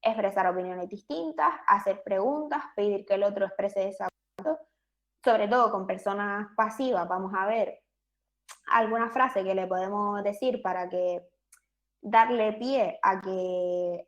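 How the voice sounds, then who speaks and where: A woman's voice: mid-range voice, a little slow, highs cut off. Woman explaining a psychology workshop. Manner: conversational, many fillers and restarts. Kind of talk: explanatory online workshop talk.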